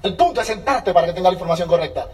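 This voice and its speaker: A man speaking at a business seminar in an energetic, motivational way, acting out little dialogues as he goes. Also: sits high, racing, far from the mic. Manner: energetic, acts out dialogues with changing voices.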